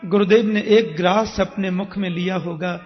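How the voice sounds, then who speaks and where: A man's voice: sits high, fairly even intonation, normal speed. A man preaching in a devotional story sermon, dramatically acting out the characters as he tells the tale. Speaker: kathavachak preacher. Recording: dull lo-fi sound with faint music.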